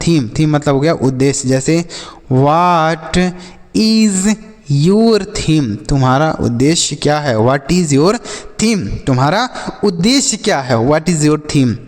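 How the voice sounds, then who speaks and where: A man teaching English vocabulary in a slow lesson, asking and answering his own questions with many repetitions. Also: fairly high pitch, big-room sound. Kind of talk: spoken language lesson.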